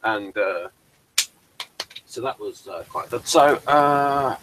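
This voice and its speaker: Over a video call, a man talks loosely about the play he wrote, wandering through his thoughts with frequent fillers and false starts. He speaks slowly at a medium pitch, and there's noise in the background.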